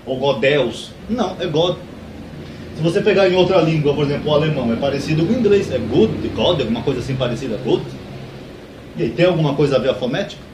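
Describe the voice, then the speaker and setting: A man's voice: fairly high pitch, darkish tone. A man running a theology channel, explaining in a casual, conversational way, asking rhetorical questions and correcting himself mid-sentence. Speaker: theology YouTuber. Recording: echoey room, mic at a distance, faint hiss.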